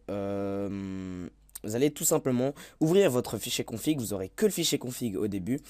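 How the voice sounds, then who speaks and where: A man's voice: medium pitch, dark tone, no room sound. A man giving a casual video game tutorial voice-over, hesitant, with many fillers and self-corrections. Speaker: gaming tutorial YouTuber.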